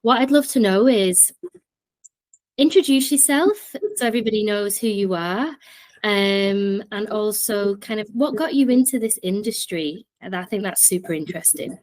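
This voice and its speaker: A woman's voice: mid-range voice, normal speed, a little mellow. A woman hosting an interview podcast, chatty and enthusiastic as she introduces her guest. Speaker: podcast host.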